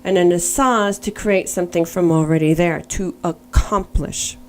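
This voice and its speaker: A woman's voice: fairly low pitch, moderate pace, slight background noise. Earnest woman telling her testimony. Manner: earnest, storytelling, spells out words letter by letter. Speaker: faith testimony speaker. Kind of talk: personal testimony.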